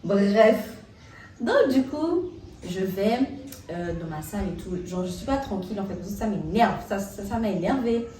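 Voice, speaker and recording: A young woman telling a story in a casual, animated way, full of slang and restarts, as a vlogger. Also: mid-range voice, normal speed, recorded from a distance, a little hiss or hum. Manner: animated, excitable retelling with slang. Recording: roomy echo, set back from the mic.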